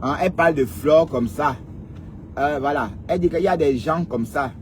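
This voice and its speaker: A man's voice: fairly high pitch, normal speed, a little hiss or hum. Chatty man asking "hein?". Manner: rhetorical, peppers talk with questioning "hein?"; talks straight to viewers and commenters. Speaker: online gossip commentator. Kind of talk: casual live commentary on social media drama.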